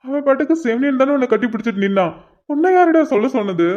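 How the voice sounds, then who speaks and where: A man voicing a joking cartoon husband, high voice. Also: animated, quick pace, a little mellow. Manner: chatty, joking asides. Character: teasing young husband and father. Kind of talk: cartoon voice acting. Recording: dull lo-fi recording.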